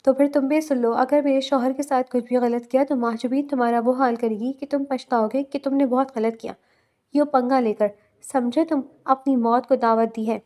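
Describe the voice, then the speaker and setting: A woman's voice: high-pitched, fairly even intonation, mellow, natural voice. Woman reading as a fierce protective young wife.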